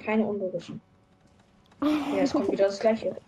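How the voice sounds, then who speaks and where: A woman's voice: mid-range voice, expressive, moderate pace, background noise. A woman on a live stream reading jokes from the internet aloud and calling them illogical. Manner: reads jokes from her screen, mocks them as illogical.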